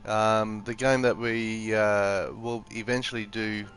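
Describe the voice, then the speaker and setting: Speaking slowly and flatly, this man has a low, fairly bright, smooth voice. He's a live game streamer stuffed up with the flu, offering relaxed, halting commentary and explanations as he goes. He uses a PS4 headset mic in a room beside an office, windows open.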